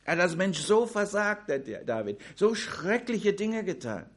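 Slow, emphatic preacher with a raised voice. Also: male voice, high voice, very animated, a bit bright. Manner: slow, emphatic preaching, addressing the congregation directly. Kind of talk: sermon.

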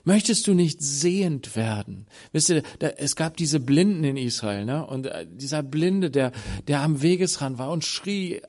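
A man preaching a sermon, dropping to hushed tones and rising to loud appeals, acting out biblical dialogue. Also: on the high side, lively intonation, a little slow, hardly any pauses.

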